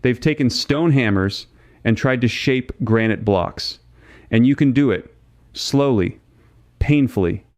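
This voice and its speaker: Smooth-voiced male documentary narrator. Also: medium pitch, unhurried, darkish tone, no echo. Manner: dramatic, addresses listener directly with rhetorical questions.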